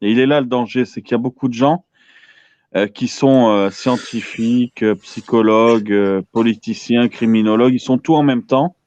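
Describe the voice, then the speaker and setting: A man's voice: mid-range voice, moderate pace, a little mellow, dry recording. A man in his thirties chatting casually as a radio show caller, often searching for his words. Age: 30s. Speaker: caller on an open-line internet radio show. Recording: dull lo-fi call audio.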